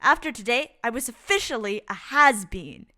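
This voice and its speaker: A woman reading a children's picture book aloud as a storyteller, in an expressive, deliberate and dramatic way. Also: on the high side, no room sound, studio quality. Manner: deliberate, dramatic delivery with acted-out exclamations. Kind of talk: expressive read-aloud storytime narration for kids.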